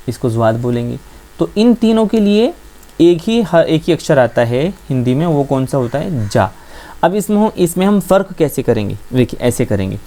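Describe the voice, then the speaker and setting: A man teaching the Urdu script as a patient teacher, asking his listeners questions and answering them himself, repeating each point slowly. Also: fairly high pitch, mellow. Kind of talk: classroom-style script lesson.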